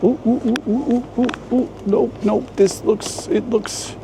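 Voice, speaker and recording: A man with an extremely high-pitched voice chats casually as a travel vlogger, joking and playful, filming outdoors and in shops on a handheld camera. His intonation stays fairly even and his pace is measured. It's casual vlog narration with outdoor street noise behind him.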